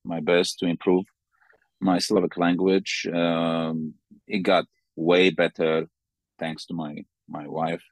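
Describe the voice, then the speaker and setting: A man's voice: low voice, flat delivery, slow, dry recording. A man in his forties from Sudan, speaking English as a second language with a Sudanese accent, answering interview questions hesitantly and repeating phrases as he looks for words. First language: not English. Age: 40s. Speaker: interview guest. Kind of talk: conversational interview.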